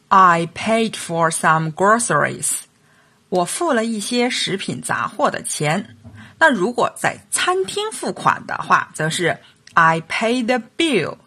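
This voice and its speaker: A woman's voice: medium pitch, pushed and bright, slightly rough. A woman teaching a language lesson, explaining phrases and carefully enunciating model sentences. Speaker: English teacher.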